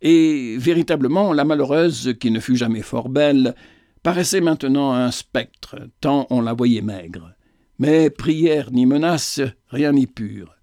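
A man's voice: mid-range voice, measured pace, mellow, no echo, clean studio sound, lightly acted. A man reading as an old schoolmaster who tells an eerie tale in a grave storytelling manner. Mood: somber.

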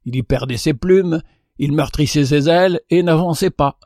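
A man narrating a fable in an expressive, measured reading. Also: on the high side, no room sound, clean studio sound. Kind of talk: storybook narration.

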